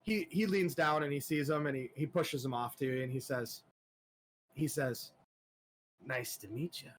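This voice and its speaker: A man narrating a tabletop game as game master, halting with many fillers. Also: a little high, a little hiss or hum, low-quality recording.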